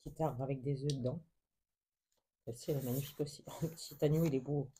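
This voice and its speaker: A woman vlogger showing a book haul in casual show-and-tell, soft and hesitant, full of fillers and gushing over every little picture. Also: extremely low pitch, fairly even intonation, fast, a little hiss or hum. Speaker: craft vlogger.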